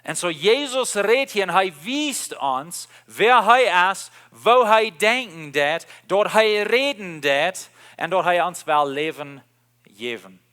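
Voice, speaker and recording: A man's voice: high voice, animated, slow, sharp tone. A man preaching a sermon, repeating key phrases with emphasis and switching between languages mid-sentence.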